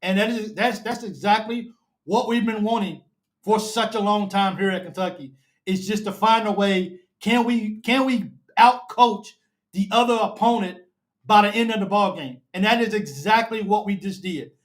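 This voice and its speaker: A man hosts a live fan show, excited and emotional, repeating himself and calling listeners baby and bro. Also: high voice, normal speed.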